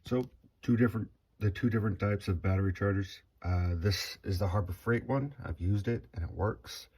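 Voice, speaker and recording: A man in his forties casually narrating a hands-on demonstration in a hesitant, halting way. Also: lowish voice, darkish tone, husky. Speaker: vlogger.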